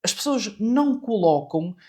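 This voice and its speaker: A man's voice: sits high, lively intonation, a little slow, dark tone. A man in his forties with a European Portuguese accent, hosting a podcast and pressing his points with questions. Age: 40s. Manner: questioning, emphatic. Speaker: podcast host. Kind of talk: casual chat.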